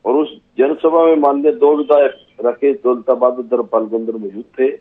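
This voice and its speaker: Deliberate politician from Haryana on a dull line. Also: male voice, medium pitch, steady tone. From Haryana, India. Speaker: politician, state legislator. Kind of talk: debate answer.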